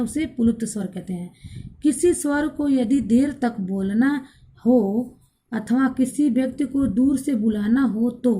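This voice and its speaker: Woman teacher going over grammar, kinda high voice, mellow, keeps quizzing then answering herself. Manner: asks questions then answers them herself, repeating points. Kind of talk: classroom grammar lesson. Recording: recorded for an online class video.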